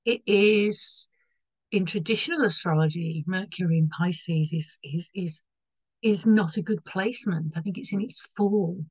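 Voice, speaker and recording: A woman with a croaky voice explaining an astrology chart, rambling a little and correcting herself as she goes. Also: on the low side, a little slow, a little mellow, dry recording, rough recording. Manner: rambling, loses her thread and corrects herself.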